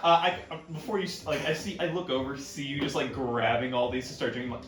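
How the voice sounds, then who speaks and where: A man's voice: mid-range voice, fast talker, heavy background noise. A man playing a tabletop game who speaks hesitantly with many fillers. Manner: hesitant, lively, playing his character. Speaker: player. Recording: echoey room with music.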